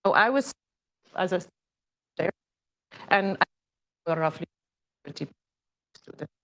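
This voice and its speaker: A middle-aged woman from Tunisia, an associate professor giving an academic seminar talk in a conversational way, pausing often with fillers. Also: fairly low pitch, lively intonation, a bit bright.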